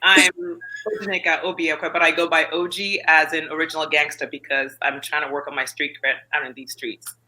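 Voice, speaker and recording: A woman's voice: sits low, level tone, brisk, sharp tone, poor audio. A woman from Nigeria chatting on a video-call panel, joking at her own expense. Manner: self-mocking, chatty. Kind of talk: casual panel chat.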